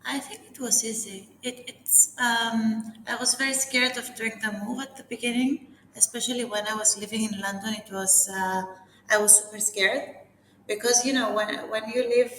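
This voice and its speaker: A woman's voice: a little high, steady tone, moderate pace, sharp tone, reverberant, slight background noise, poor audio. A woman from Cyprus, an architect guest in an interview, talking candidly and chattily with fillers. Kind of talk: casual interview conversation.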